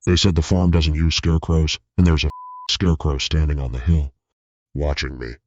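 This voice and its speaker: A man's voice: extremely low pitch, fairly even intonation, moderate pace, breathy edge. A man voicing a frightened young woman who pleads urgently in a spoken horror story. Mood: pleading. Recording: dull lo-fi recording.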